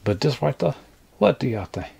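Man, gravelly, husky, casual workshop vlog, folksy rambling. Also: medium pitch, sing-song, normal speed, warm tone. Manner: rambling, folksy, jokey talk to viewers. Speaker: craft channel host. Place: indoor workshop.

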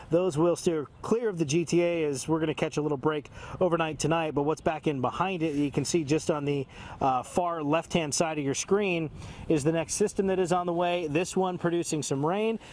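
A man's voice: fairly high pitch, a little mellow. A man presenting a live weather forecast in a fluent, conversational broadcast style, outdoors in a park. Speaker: television meteorologist.

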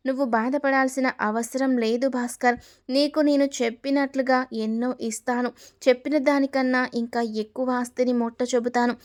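A woman's voice: high-pitched, level tone, moderate pace, close to an everyday voice. A woman voicing a scheming, villainous middle-aged stepmother who pleads and justifies herself in a storybook reading. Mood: pleading.

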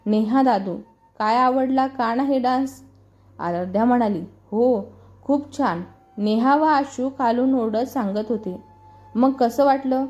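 A woman reading a serialized family story aloud, voicing all the characters' lines in her own lively storytelling voice. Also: on the high side. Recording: muffled voice over background music.

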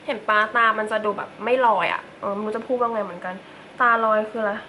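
A woman's voice: medium pitch, fairly even intonation, fast talker, pushed and bright, slight background noise, low-quality recording. A young woman chatting casually through a makeup tutorial, with playful asides to her viewers. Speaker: beauty vlogger.

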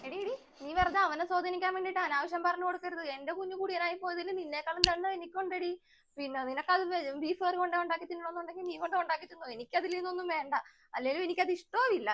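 In a comedic family skit, a woman voices a self-pitying, nagging mother-in-law in her sixties, whining, accusing, and complaining theatrically. Her voice is very high-pitched, fast, and a bit bright, with dull audio and slight background noise.

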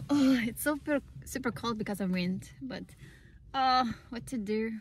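A young woman chatting casually for a vlog in an informal, expressive way, full of exclamations. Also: measured pace. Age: young adult. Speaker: vlogger. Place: inside a car and on an open windy beach. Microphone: phone at arm's length. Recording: muffled, loud car rumble and wind noise.

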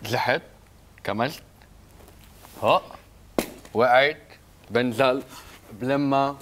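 A man's voice: mid-range voice, slow, fairly bright tone, slight background noise. A man with a Lebanese accent acting a boastful, bumbling self-defense coach in a comedy sketch, tossing English words into his speech. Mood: cocky.

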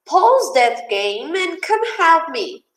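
A woman's voice: extremely high pitch, sing-song, a bit bright, voice pushed up, exaggerated voice. A woman doing a bossy mom calling her kid. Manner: slow, drawn-out, emphatic. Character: scolding mother calling her daughter. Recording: echoey room.

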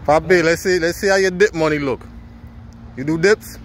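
A man's voice: on the high side, normal speed, slight background noise. A man hosting a casual outdoor street interview, with hyped, slangy banter. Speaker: vlogger host. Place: outdoors in a park.

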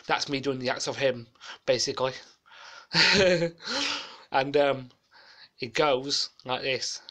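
A man talks slowly and casually, introducing his homemade video. He rambles and circles back over the same words as he goes, with a mid-range voice. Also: mid-range voice, little pitch movement, fairly bright tone. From South Yorkshire. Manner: rambling and repetitive. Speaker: amateur video maker.

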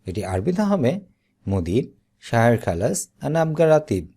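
Slow, lively-voiced man drilling vocabulary. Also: husky. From Bangladesh. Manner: slow, deliberate repetition with lively pitch. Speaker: Arabic teacher. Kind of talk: slow vocabulary drill, each word said twice.

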